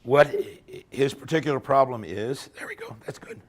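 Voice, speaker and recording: Speaking at a moderate pace and medium pitch, a man gives an informal technical lecture at a workshop while his voice gives out. The setting is a lecture room, and he talks conversationally, often tagging "okay?" onto the end of his points.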